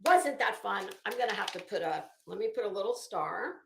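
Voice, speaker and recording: An animated woman with a mid-range voice and vocal fry talks fairly quickly, with a little hiss or hum audible. She hosts a livestream, casually and sarcastically discussing a legal case with viewers, theatrical, exasperated and mocking, in an echoey space.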